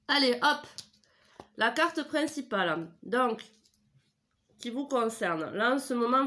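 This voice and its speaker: Her voice is a little high and a bit bright: a middle-aged tarot reader with a stuffy head cold, giving a casual reading at home into a desk microphone. The reading rambles, with frequent hesitations and self-corrections.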